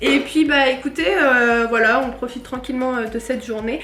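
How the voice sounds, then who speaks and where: A woman's voice: sits high, fairly even intonation, normal speed, pushed and bright. A woman chatting informally to the camera for a vlog, explaining things with many hesitations. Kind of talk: casual vlog chat to camera. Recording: faint background noise.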